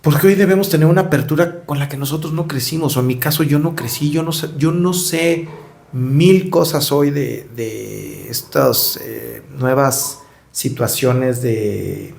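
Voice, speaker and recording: A man's voice: medium pitch, measured pace, gravelly, a little mellow. A middle-aged man with a Mexican accent, telling stories as a podcast guest, reflective and repeating words while he searches for them. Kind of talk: conversational interview storytelling.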